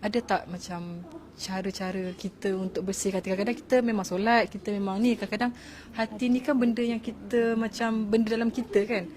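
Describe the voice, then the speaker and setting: A woman's voice: mid-range voice, flat delivery, brisk, darkish tone, a little hiss or hum. A Malaysian woman asking a question in casual conversation, speaking hesitantly and searching for words.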